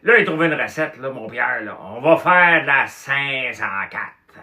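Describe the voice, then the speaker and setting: Casting: a man doing a booming Québécois barfly, gruff big voice pushed up loud and high, bright and forceful. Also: lively intonation, a little slow, full character voice. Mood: rowdy. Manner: booming, insistent, repeats "mon Pierre". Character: loud rowdy older man, drinking buddy at a kitchen table.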